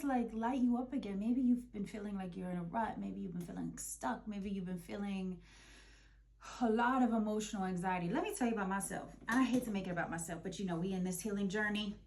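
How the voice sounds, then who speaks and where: Emotive woman giving a tarot reading. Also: mid-range voice. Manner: emotional, swears freely, calls listeners babe and boo. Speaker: tarot reader. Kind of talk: casual spiritual tarot reading.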